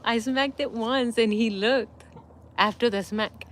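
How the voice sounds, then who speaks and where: A woman's voice: a little high, a little slow. Middle-aged lady on a phone livestream, cracking up while she tells a story, some faint noise behind. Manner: laughs often while telling a story. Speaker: livestream host. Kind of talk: casual storytelling to viewers.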